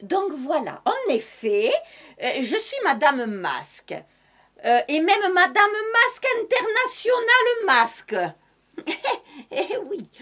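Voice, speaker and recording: A woman's voice: high-pitched, pushed and bright, full character voice. A woman voicing a chatty talking face mask with a put-on southern French accent, theatrical and mock-official. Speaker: guest in sketch. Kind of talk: comedic sketch.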